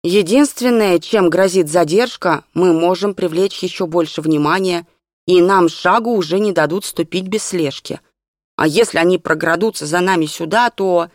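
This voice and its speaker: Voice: medium pitch, normal speed, no echo, clean studio sound, close to an everyday voice. An audiobook reader voicing a young girl who speaks firmly and decisively. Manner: firm.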